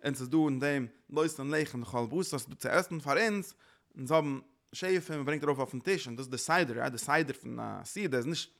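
Man, religious lecture, teacher, gravelly fry, mid pitch, earnest, restates his points. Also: a little fast, fairly bright tone.

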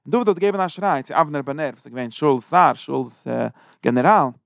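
A man giving an informal Bible lesson, retelling the story in loose, halting phrases. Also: a little high, expressive, gravelly, dry recording, studio quality. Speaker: Bible teacher.

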